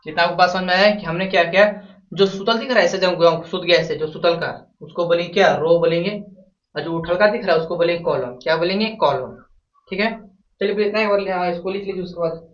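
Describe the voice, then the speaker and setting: Guy teaching math at a board, high voice, a bit far from the mic, dull lo-fi sound. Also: fairly quick. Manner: repeats questions to the class and answers them himself. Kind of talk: classroom board lesson. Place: classroom with a board. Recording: echoey room, from a distance, dull lo-fi sound.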